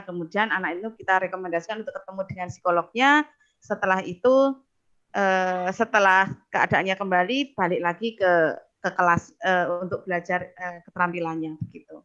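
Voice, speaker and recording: A woman who heads a culinary school, telling a story on a panel in a halting way with many fillers. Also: lowish voice, fairly bright tone. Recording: dull lo-fi sound.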